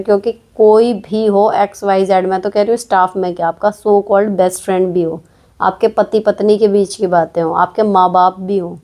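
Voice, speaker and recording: A woman's voice: medium pitch, warm tone. A woman hosting an advice show, answering viewer questions in casual, frank talk with many tag questions. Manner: direct, frank, chatty, with frequent tag questions.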